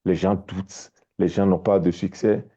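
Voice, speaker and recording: A man's voice: sits low, little pitch movement, moderate pace, dark tone, breathy edge, dull audio. A man from Togo, a life coach, giving a motivational talk on a live stream, often repeating words as he searches for them.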